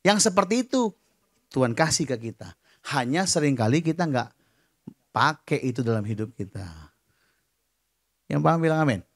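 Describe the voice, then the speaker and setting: A middle-aged man with a fairly high voice preaches at a church service. He keeps it lively and joking, slipping English words into his sermon and acting out little scenes in different voices. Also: normal speed, pauses often. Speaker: pastor.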